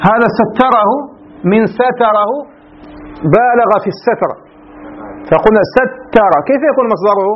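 A man teaching an Arabic grammar lesson, drawing out key words slowly and often asking the class whether it is clear. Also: very high voice, fairly even intonation, a little hiss or hum. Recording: dull lo-fi recording.

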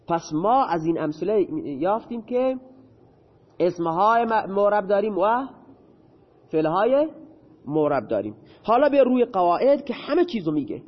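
A man's voice: high-pitched, long reverb tail, muffled recording. A male teacher explaining Arabic grammar in a lesson, asking questions and answering them himself.

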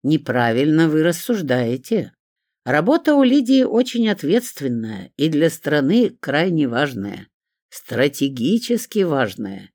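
A stately older gentleman voiced by an audiobook reader speaks in a measured, sedate manner, gently lecturing. The recording is dry and close, with lively pitch movement. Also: no room sound. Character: stately older man, newspaper chief editor, neighbour.

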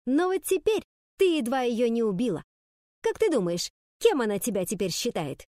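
A woman's voice: on the high side, very animated, moderate pace, mellow, no echo, clean studio sound. A woman voicing a mocking schoolgirl with a cutting, taunting manner. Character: mocking, sharp-tongued schoolgirl.

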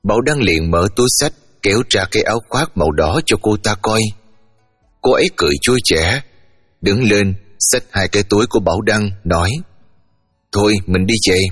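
A male narrator reads a story in a steady, measured way. His voice is low and husky, and a long hall reverb carries it over faint background music.

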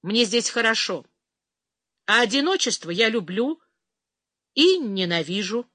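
A woman reader voicing a lonely man who lives alone in the wild, speaking tersely and calmly. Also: fairly high pitch, measured pace, dry recording, studio quality, exaggerated voice. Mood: wry. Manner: terse, calm.

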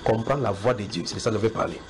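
French-speaking preacher, noisy recording. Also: male voice, fairly low pitch, fast talker. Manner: repetitive, questioning the listeners directly. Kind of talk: house church sermon.

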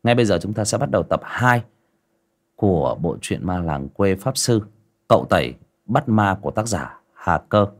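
A man's voice: sits low, big pitch swings, normal speed. A man narrating a village ghost story on a livestream in a conversational way.

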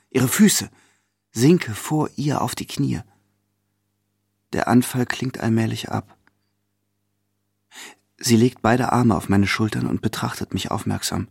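Man reading a novel aloud first person, kinda husky, dry close sound. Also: fairly low pitch, dry recording. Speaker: reader. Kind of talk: first-person literary narration.

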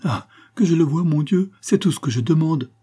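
A man's voice: medium pitch, a little slow, warm tone, husky, pitched above the performer's own voice. Feverish pleading countess, voiced by a man. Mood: anxious pleading. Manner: urgent, pleading, raised voice.

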